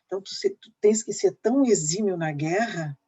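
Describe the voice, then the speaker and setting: Woman, literature teacher, husky and breathy voice, explanatory lecture, leans on fillers. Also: medium pitch, lively intonation, moderate pace, mellow. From Brazil. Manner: explanatory, frequent "né" fillers, tapping out rhythm. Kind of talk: lecture with poetry reading.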